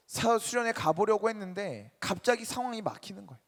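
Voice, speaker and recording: A man preaching to a college group, emphatic and questioning his congregation, his delivery swinging between loud and soft. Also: high-pitched, lively intonation, brisk. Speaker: pastor. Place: church sanctuary. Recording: reverberant church hall.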